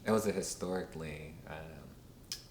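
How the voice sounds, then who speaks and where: A man in his thirties from Washington, D.C., being interviewed, talking unhurriedly with many pauses and fillers. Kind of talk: casual recorded interview. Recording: roomy, with steady low rumble.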